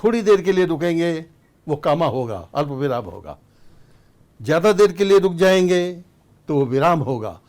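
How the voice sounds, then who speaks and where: Middle-aged man, academic lecturer, fairly high voice, methodical delivery that lists points. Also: big pitch swings, a little mellow. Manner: measured, explanatory, lists points one by one.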